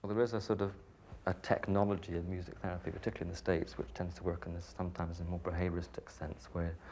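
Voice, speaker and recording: A man, a music therapy researcher calmly explaining session footage, heard on an old noisy 1980s documentary recording. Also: sits low, fast talker.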